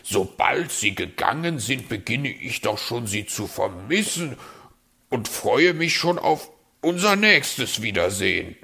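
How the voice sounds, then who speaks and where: A man voicing a sly, smooth-talking male fox in a read-aloud story, flattering and evasive, with a gravelly voice. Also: mid-range voice, slow, pitched above the performer's own voice, heavily acted.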